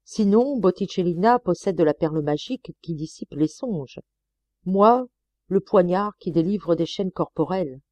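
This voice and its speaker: A woman's voice: lowish voice, lively intonation, a little slow, mellow, no room sound, muffled recording. A woman reading an imperious male poet. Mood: exalted. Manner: lofty, declamatory.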